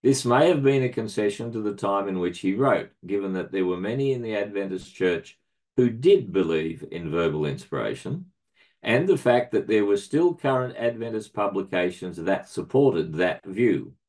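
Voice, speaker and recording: A middle-aged man reading a prepared academic paper aloud in a measured, formal way, marking each citation with quote and end quote. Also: lowish voice, lively intonation, darkish tone. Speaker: research centre director presenting a paper.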